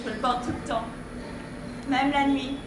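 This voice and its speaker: A woman's voice: high-pitched, steady tone, measured pace, noisy background. Actress playing an anxious woman hunting a lost necklace. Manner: earnest, explaining at length, stammers when flustered. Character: anxious woman searching a ruined city for her necklace. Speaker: stage actress. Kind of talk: stage play performance. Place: theatre stage. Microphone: distant room mic. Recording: echoey hall from far off, music behind.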